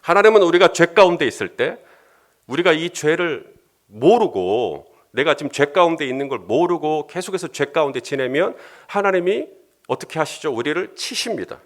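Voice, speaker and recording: Animated male pastor preaching. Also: on the high side, moderate pace. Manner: animated, often acting out dialogue. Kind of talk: sermon.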